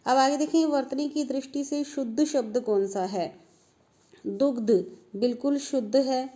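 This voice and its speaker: A woman's voice: high voice, measured pace, mellow. A woman teacher patiently walking students through an exam paper, repeating key points with emphasis. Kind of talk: exam paper walkthrough lesson.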